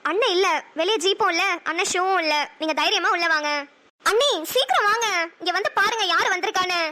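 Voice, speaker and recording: A woman doing an excited cartoon girl, very high and bright, eager. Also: fast. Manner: eager, urgent calling out. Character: excited young woman Roja, playful sister-in-law. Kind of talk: cartoon drama voice acting.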